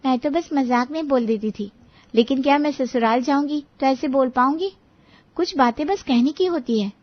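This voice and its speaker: A woman's voice: sits high, normal speed, dry recording, lo-fi sound, pitched above the performer's own voice, natural voice. A woman voicing a sensible young sister-in-law who reasons earnestly. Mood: reasoning.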